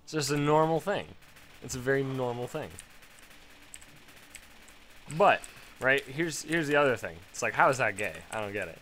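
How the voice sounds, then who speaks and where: A man's voice: mid-range voice, moderate pace, pauses often, fairly bright tone, slight background noise. A man doing casual, crude gameplay commentary, rambling between topics, his voice strained and failing.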